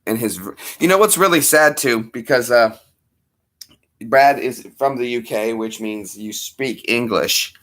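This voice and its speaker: A man's voice: medium pitch, a little slow, a bit bright. A man in his thirties chatting on a livestream in a rambling, jokey, self-mocking way. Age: 30s. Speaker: streamer. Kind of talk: casual livestream chat.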